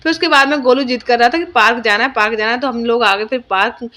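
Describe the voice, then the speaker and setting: A woman's voice: on the high side, quick pace, bright, forceful tone. A young woman vlogger, narrating her day in a chatty, homely way with lots of fillers. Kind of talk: casual vlog voice-over narration.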